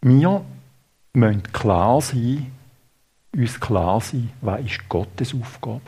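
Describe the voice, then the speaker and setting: Husky Swiss German preacher. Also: male voice, mid-range voice, expressive, mellow. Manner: halting, with many fillers and restarts. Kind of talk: sermon.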